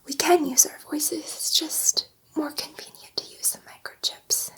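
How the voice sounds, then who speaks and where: In a sci-fi ASMR roleplay, a woman voices a gentle, excitable female alien scientist, whispering softly and breathily in a high register at a very unhurried pace. Her halting, coaxing delivery, creaky and in full character voice, soothingly explains things to reassure a human test subject.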